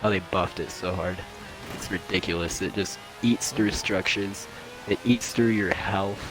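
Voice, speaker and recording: A man's voice: low-pitched, measured pace, rough recording. A man chatting on a friend's game stream, complaining with lots of fillers and the odd swear word. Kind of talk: casual gaming chat. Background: game music.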